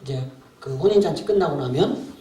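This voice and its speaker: Emphatic Korean pastor with a lively high voice. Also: male voice, brisk. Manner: colloquial, emphatic, rhetorical questions. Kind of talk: sermon. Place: seminar hall. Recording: echoey hall from far off.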